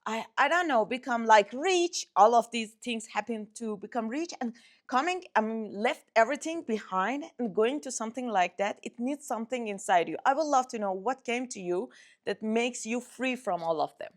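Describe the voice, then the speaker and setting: Woman, twenties, somewhat high voice, friendly, eager interviewer. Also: animated, moderate pace. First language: Persian. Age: 20s. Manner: friendly, eager, simple phrasing. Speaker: host. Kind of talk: interview hosting.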